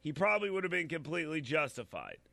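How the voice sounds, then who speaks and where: A man's voice: fairly high pitch, very animated, fast, gravelly, fairly bright tone, dry recording. A man giving blunt, opinionated commentary while reading out a news story, talking straight to his audience and stumbling over repeated words.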